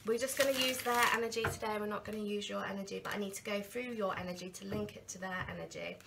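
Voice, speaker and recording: Talking fast with vocal fry over heavy background noise, a mid-range-voiced woman in her thirties reads tarot chattily for the camera from a small candlelit room despite a cold. She gestures animatedly and drifts into quoted inner voices, the camera about a desk's distance in front.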